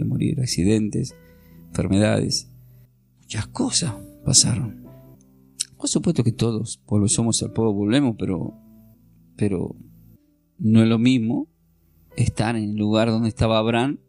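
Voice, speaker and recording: Middle-aged man, Bible teacher preaching a testimony, low and gravelly, animated, talks straight to the congregation. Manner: animated storytelling, addresses listeners directly. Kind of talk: sermon with personal testimony.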